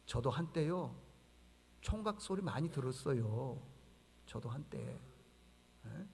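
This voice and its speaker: A man's voice: mid-range voice, expressive, slow pace, creaky, a little mellow, in a large hall, slight background noise. A male pastor preaching a sermon in a conversational way, asking the congregation rhetorical questions and acting out dialogue. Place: church sanctuary.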